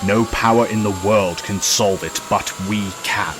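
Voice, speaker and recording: An actor playing a calm, resolute middle-aged professor in an audio drama, earnest and authoritative. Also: male voice, on the low side, unhurried, background noise, lightly acted. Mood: grave, earnest.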